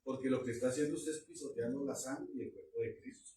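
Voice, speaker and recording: A man's voice: mid-range voice, fast talker, mellow. A man preaching a sermon to a church congregation, exhorting and asking his listeners questions. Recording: echoey room, voice from far off.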